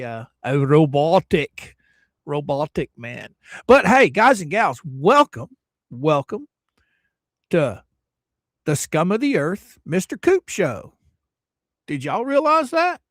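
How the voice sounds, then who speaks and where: A man's voice: fairly high pitch, very animated, slow, long pauses, fairly bright tone, no room sound, clean studio sound. Chatty American man hosting a livestream. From United States. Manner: greets viewers by name, loose and chatty; opinionated, rambling asides. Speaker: livestream host. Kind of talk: casual livestream chat.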